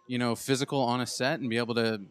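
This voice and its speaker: A man's voice: medium pitch, flat delivery, fast talker. A man hosting red carpet interviews at a film premiere with upbeat promotional patter.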